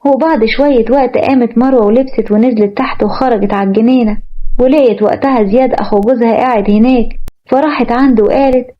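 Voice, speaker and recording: Brisk Egyptian woman narrating a story. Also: fairly high pitch, fairly even intonation. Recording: muffled lo-fi recording.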